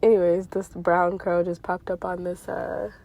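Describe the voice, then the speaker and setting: Her voice lowish and darkish, a congested middle-aged woman rambles through her dreams while sitting in a parked car. The spiritual vlogger's delivery is flat and at normal speed, yet meandering and chatty, packed with fillers and self-corrections. It's a casual monologue.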